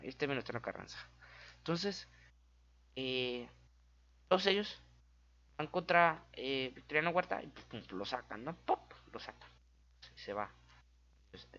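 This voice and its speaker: Goofy Mexican history explainer, lively pitch. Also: lo-fi sound. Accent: Mexican Spanish. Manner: goofy and chatty, with sound effects and self-corrections. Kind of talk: casual, playful history explainer.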